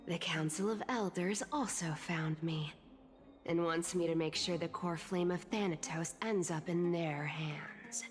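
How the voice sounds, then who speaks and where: A woman's voice: on the low side, a little slow, big-room sound, music in the background, lightly acted. A woman voicing a sly, teasing young female thief with a cat-like, playful manner in a video game.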